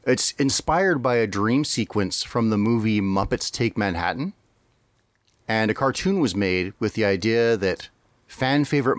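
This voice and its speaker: A man's voice: lowish voice, dry recording. Laid-back man rambling on a podcast. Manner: rambling, laughs often, restarts. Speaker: podcast co-host. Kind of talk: casual podcast chat.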